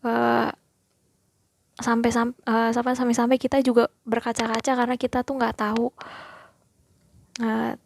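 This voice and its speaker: A woman's voice: fairly high pitch, flat delivery, moderate pace, creaky, pauses often, a little hiss or hum. Chatty young woman telling a story. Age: young adult. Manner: chatty, hesitant, addresses viewers as friends. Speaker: student. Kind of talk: casual storytelling vlog.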